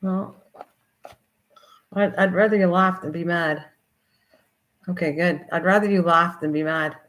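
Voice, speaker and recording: A woman's voice: lowish voice, steady tone, unhurried, a bit bright, poor audio. An older woman hosting a casual craft livestream, rambling and talking to herself and her viewers as she works. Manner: chatty, rambling, talks to herself and her viewers while working. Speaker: livestream host.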